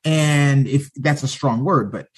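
A man's voice: medium pitch, a little slow, slightly rough. A man from Canada chatting as a podcast guest, friendly and chuckling, with lots of ums and uhs. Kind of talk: casual chat.

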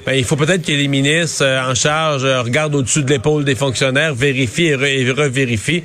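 A middle-aged man with a Québécois accent, co-hosting and commenting on politics in a casual, quick way, with many fillers. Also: medium pitch, fairly even intonation, a bit bright. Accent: Québécois French. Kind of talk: news panel commentary.

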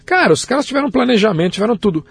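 A man chatting as a podcast guest, animated and swearing freely, his pitch jumping up when he stresses a point. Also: very fast, vocal fry, slightly rough, no room sound. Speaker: guest, musician and writer. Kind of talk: casual podcast chat.

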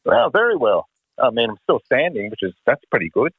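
A man's voice: medium pitch, sing-song, a little fast, breathy edge, no room sound. A man in his sixties with an Australian accent, casually reminiscing as a musician guest on a phone call. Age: 60s. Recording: narrow phone line.

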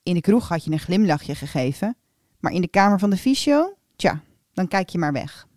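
A woman's voice: lowish voice, big pitch swings, moderate pace, darkish tone, no echo, clean studio sound. A woman reading an erotic first-person story aloud in an intimate, confiding manner.

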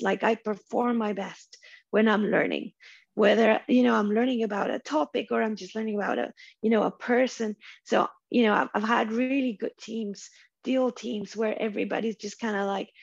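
Hoarse, raspy woman on a podcast. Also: mid-range voice, no room sound. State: hoarse, losing her voice while unwell. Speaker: podcast guest, venture capital professional. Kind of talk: casual interview conversation. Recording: dull, lo-fi audio.

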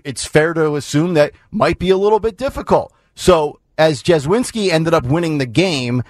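A man's voice: fairly high pitch, dry recording. Chatty man hosting morning talk radio. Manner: chatty, rambling, self-interrupting. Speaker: radio show host. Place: radio studio.

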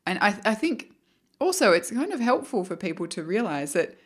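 A woman's voice: medium pitch, very animated, normal speed, breathy edge. A woman hosting a podcast in a casual, conversational style. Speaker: podcast host. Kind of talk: casual chat.

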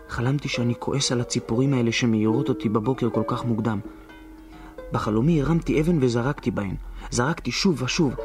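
A man's voice: mid-range voice, lightly acted. An actor narrating in the first person as a resourceful boy hiding alone in ruins, in a reflective radio drama monologue that plans step by step. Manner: reflective inner monologue, planning aloud.

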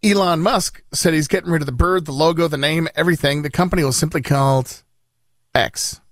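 A man's voice: a little high, a little fast, no echo, studio quality. A man hosting morning radio, reading news in a conversational, bantering style.

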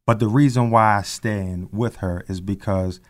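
A man's voice: on the low side, steady tone, a little slow. A man giving a heartfelt, emotional speech about his family, crying with joy as he speaks. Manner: earnest, builds from soft to impassioned. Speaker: husband speaking on a panel.

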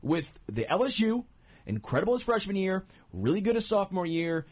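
A man talking sports on the radio in a husky voice. His pitch swings widely as he rants, and it jumps up into high outbursts. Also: sing-song, brisk. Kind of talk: casual sports talk.

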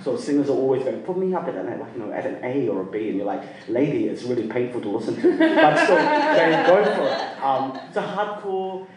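Guesting at a live storytelling night, this UK-born man who grew up in Sri Lanka rambles through his own story with easy laughter. He speaks in a mid-range, sing-song voice, briskly and with few pauses. The mic is distant, capturing crowd noise and a roomy echo.

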